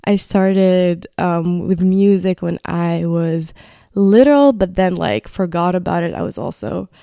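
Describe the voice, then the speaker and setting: A woman's voice: lowish voice, measured pace, creaky, warm tone, smooth, dry recording, clean studio sound. A woman in her twenties from Palestine, hosting a casual solo podcast and rambling as she searches for words. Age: 20s. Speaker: podcast host.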